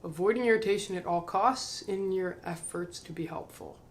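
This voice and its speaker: A man with a high voice reads a spiritual book aloud to camera, adding slow, musing commentary, questioning himself and trailing off into mumbles.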